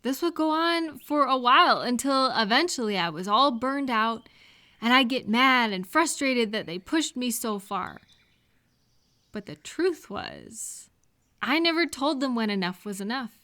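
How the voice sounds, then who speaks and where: Slightly high and sharp in tone, this woman's voice has lively intonation and a somewhat slow delivery. She performs an audio roleplay of supportive advice, speaking conversationally to one person in a reassuring, explanatory way.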